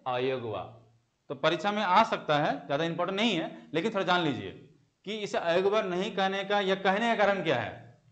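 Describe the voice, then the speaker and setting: A man's voice: high-pitched, animated, normal speed, a bit bright. A young man teaching an exam-prep Hindi grammar lesson. He asks the class questions, answers them himself and repeats the key terms.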